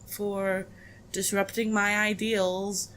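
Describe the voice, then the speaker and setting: A woman co-hosting a relaxed podcast, her voice at an ordinary middle pitch. She tells playful stories and teases her partner with a dry touch. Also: slow, slight background noise. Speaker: podcast co-host. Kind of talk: casual podcast chat.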